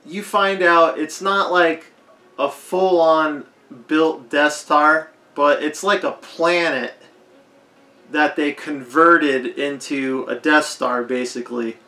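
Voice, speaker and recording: A man with a hoarse, fading voice giving a rambling, unscripted movie commentary, leaning hard on "like". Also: fairly high pitch, steady tone, slow, bright, forceful tone, soft background music. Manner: rambling, heavy use of "like". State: hoarse, losing his voice. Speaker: film commentator. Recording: echoey roomy recording.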